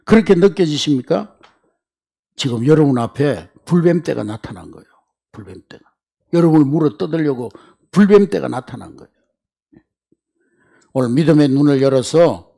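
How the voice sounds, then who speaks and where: A male pastor preaches in a church with a gravelly, slightly raised voice. He tells stories animatedly and slips into character voices for quoted lines. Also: a little high, warm tone. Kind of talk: sermon. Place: church sanctuary.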